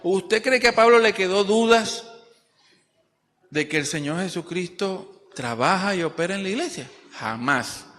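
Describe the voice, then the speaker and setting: Male preacher, fairly high voice, animated, acts out quotes, gropes for words; live church sound with long hall reverb. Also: unhurried. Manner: animated, acting out quoted dialogue; searching for words mid-sentence. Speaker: pastor. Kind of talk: sermon. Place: church service.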